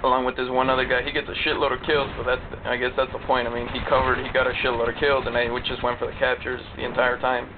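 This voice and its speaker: A man's voice: mid-range voice, little pitch movement, fast talker, hardly any pauses. A young man just out of bed, rambling and swearing through a casual commentary over his game footage. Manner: rambling, profane, drowsy. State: just woken up. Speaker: gaming commentator. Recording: tinny lo-fi capture with noise.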